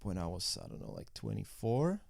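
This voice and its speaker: A man's voice: low-pitched, huge pitch swings, brisk, vocal fry, darkish tone. A man in his late twenties from Slovakia, speaking English as a second language, chatting casually as a DJ guest with many "you know" fillers. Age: late 20s. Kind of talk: casual podcast interview.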